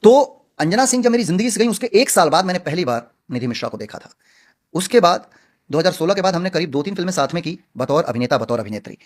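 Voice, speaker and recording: A man's voice: high voice, very animated, quick pace. A man answering interview questions as a film actor, speaking earnestly and outspokenly with emphatic stresses.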